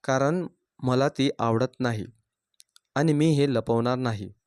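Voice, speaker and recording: A man voicing a jealous, sharp-tongued young sister-in-law who taunts and scorns. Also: medium pitch, slow, clear, resonant tone, dry recording, studio quality, lightly acted. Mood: scornful.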